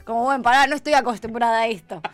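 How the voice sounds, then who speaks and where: A woman's voice: a little high, fairly even intonation, very fast. A woman with an Argentine Rioplatense accent, chatting casually on a live stream in a slangy way with lots of fillers. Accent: Rioplatense Argentine Spanish. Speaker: stream co-host.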